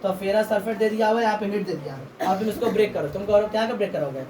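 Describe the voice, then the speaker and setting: A fast-talking woman with a mid-range voice runs a classroom lesson, shooting questions at students and repeating every reply. The recording picks her up from a distance in an echoey room with faint background noise.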